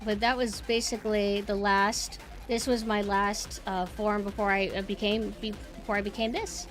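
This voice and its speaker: A woman with a mid-range voice chats casually as a live streamer. Her talk rambles informally as she thinks out loud. Music plays behind her. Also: medium pitch, flat delivery, normal speed. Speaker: streamer, VTuber host. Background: background music.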